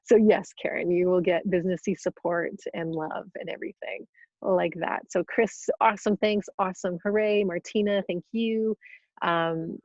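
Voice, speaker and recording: Chatty gravelly-voiced woman on a webinar. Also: fairly low pitch, steady tone, normal speed, a little mellow, dry recording, muffled recording. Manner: chatty, bubbly, with frequent restarts and laughs. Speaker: yoga teacher trainer hosting a webinar. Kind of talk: casual live Q&A, reading questions aloud. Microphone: video call.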